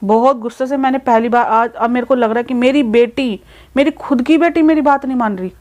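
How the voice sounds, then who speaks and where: A woman's voice: on the high side, fairly quick, darkish tone. A middle-aged woman playing an upset mother who complains about her daughter in a family vlog skit.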